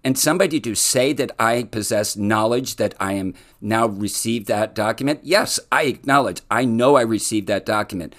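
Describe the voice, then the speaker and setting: A man with a somewhat low voice delivers a solo podcast monologue. He speaks earnestly and deliberately, leaning on legal phrasing. He often stumbles and restarts mid-sentence before pressing on. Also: a bit bright. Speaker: podcast host.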